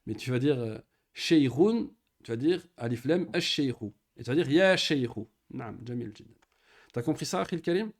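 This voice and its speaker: A man giving a one-on-one Arabic grammar lesson, patient and explaining step by step, saying Arabic words slowly and often checking that his student follows. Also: medium pitch, lively intonation. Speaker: Arabic teacher.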